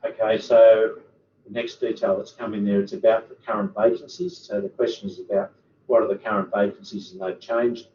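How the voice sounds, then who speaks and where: A man's voice: on the low side, level tone, warm tone. A man, a university lecturer answering student questions in an online workshop, full of ums and uhs. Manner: halting, many ums and uhs. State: hiccups. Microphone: computer microphone on a video call. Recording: roomy, distant, dull, faint hiss.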